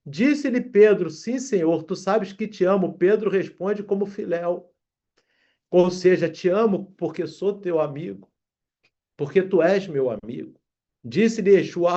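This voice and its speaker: Man, sermon, high voice, muffled lo-fi sound. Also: expressive, moderate pace, mellow. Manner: addresses congregation as brothers, reads scripture aloud. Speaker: preacher.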